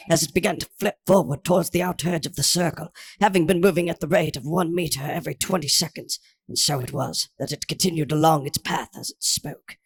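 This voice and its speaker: Man with a husky, fairly high voice narrating. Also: quick pace, hardly any pauses. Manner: earnest, wordy storytelling. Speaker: audiobook narrator. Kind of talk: first-person scripted narration.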